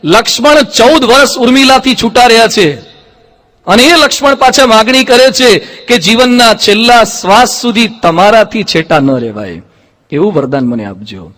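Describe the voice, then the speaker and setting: High-voiced monk preaching in a reverberant hall. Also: male voice, moderate pace. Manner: lively storyteller who acts out quoted speech. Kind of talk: devotional sermon storytelling.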